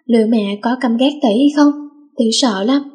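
A woman voicing a pampered, quick-tempered teenage girl in a read-aloud story. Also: fairly high pitch, warm tone, natural voice. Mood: tearful.

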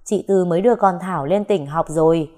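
A woman's voice: on the low side, a little fast, mellow, close to an everyday voice. A woman voicing a sly, lecherous middle-aged man. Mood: wheedling. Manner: wheedling and excuse-making.

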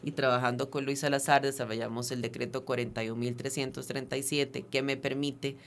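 A Venezuelan activist, a guest on a radio talk program, earnestly explains procedures in detail. His ordinary-pitched voice has little pitch movement, he often pauses on fillers and restarts phrases, and a little hiss or hum is audible.

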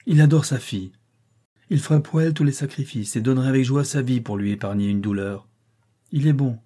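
Husky dark-voiced male narrator. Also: mid-range voice. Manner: measured, dramatic reading. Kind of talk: audiobook narration.

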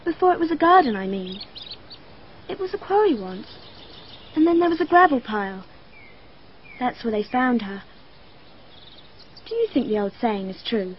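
In this faint-hissing, dull lo-fi archive radio recording, a woman with a slightly high voice plays a dreamy, precocious twelve-year-old girl. Her pitch swings widely, her pace is moderate, and she leaves long pauses. The girl talks earnestly and matter-of-factly, with a slightly odd touch.

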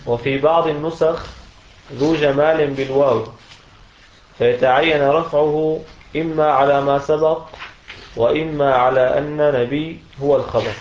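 Man reading a text out loud for class, fairly high voice, roomy echo, dull lo-fi. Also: a little hiss or hum. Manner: steady measured reading, pausing at each phrase. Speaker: student reader. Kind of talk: reading a commentary aloud in a lesson. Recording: dull echoey lo-fi recording.

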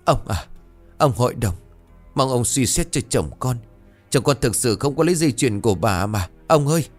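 A man's voice: mid-range voice, animated, normal speed, faint music behind, voice pushed up, lightly acted. A man voicing a poor, desperate young mother and grieving wife, tearful and trembling. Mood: begging.

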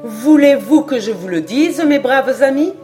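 A woman voicing an eager, absent-minded male French geographer who talks in lively, emphatic exclamations in an audiobook. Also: mid-range voice, unhurried, soft background music, natural voice. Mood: excited.

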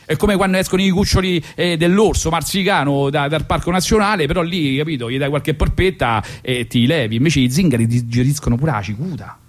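In the studio, this radio host with a Roman accent spins a rambling comic monologue, full of irony and side remarks. He sounds a little high and brisk, barely pausing.

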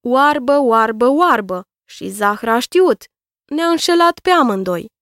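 Woman putting on a spiteful old woman for a storybook, shrill and accusing, loud jumps up in pitch, dry close sound. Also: expressive, dry recording.

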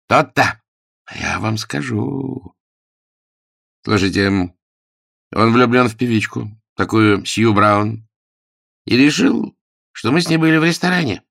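A man's voice: medium pitch, animated, takes it slowly, gravelly, pauses often, fairly bright tone, no room sound, studio quality, voice pushed up, heavily acted. A man voicing a tipsy, over-familiar male private detective who gossips, in an audiobook. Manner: drunken, over-familiar, giggly. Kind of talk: audiobook character voice.

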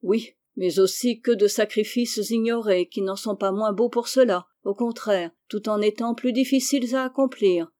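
A kind, thoughtful uncle from a storybook, read by a woman in her own voice. He speaks gently and reflectively, like a man half talking to himself. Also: medium pitch, normal speed, few pauses, close to an everyday voice.

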